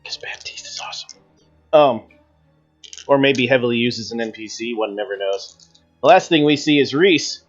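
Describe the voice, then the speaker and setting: A man's voice: medium pitch, normal speed, husky, highs cut off, soft background music. A man narrating a tabletop horror game as game master, with dramatic storytelling. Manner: dramatic second-person storytelling. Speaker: game master, show host.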